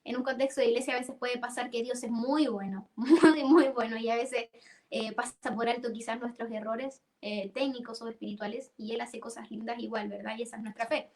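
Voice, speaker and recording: A young woman leads a singing workshop. Her voice sits high, and she explains things patiently, breaking into sung notes to show each vocal register. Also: fairly even intonation, a little fast, darkish tone. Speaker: singing teacher.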